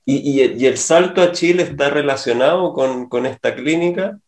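A man's voice: mid-range voice, normal speed. Radio host man in a roomy studio. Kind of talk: radio interview. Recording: roomy studio echo, faint music behind.

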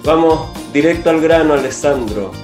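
A man hosting a radio interview, asking questions in a brisk, friendly way. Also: on the high side, animated. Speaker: radio host. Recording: roomy studio echo, faint music behind.

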